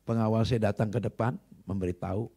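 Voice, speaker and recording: Male pastor, low husky voice, emphatic sermon with rhetorical questions to the congregation. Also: fairly even intonation, fairly quick, dark tone. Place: church service.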